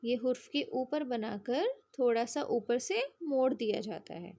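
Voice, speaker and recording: A woman's voice: fairly high pitch, mellow. A woman teaching young children, patiently spelling out sounds and checking in with them. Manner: patient, drawn-out spelling drills with frequent check-ins. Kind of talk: slow children's lesson.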